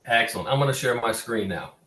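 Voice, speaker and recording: A middle-aged man from the American South, a cemetery conservation consultant, gives an informal online lecture as a guest presenter, often repeating words. His mid-range voice is bright and forceful, and he talks quickly. The video call comes from an echoey room, so the webinar audio sounds roomy.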